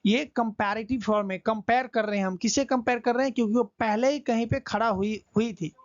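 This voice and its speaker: A man teaching English in Hindi, chatty and slowly repeating phrases for learners. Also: very high-pitched, fairly even intonation, no room sound. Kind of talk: Hindi English lesson, explaining a story line by line. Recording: dull lo-fi audio.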